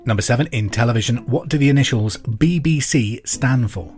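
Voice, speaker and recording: A brisk, darkish mid-range voice belongs to an English host running a pub quiz podcast in a chatty, conversational manner. He repeats questions clearly as music plays in the background.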